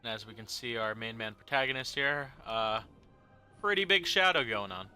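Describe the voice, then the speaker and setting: A man's voice: mid-range voice, expressive, moderate pace, sharp tone, smooth. A young man giving casual, rambling commentary on a video game he is playing, with joking asides and many fillers. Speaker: let's play host. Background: game music.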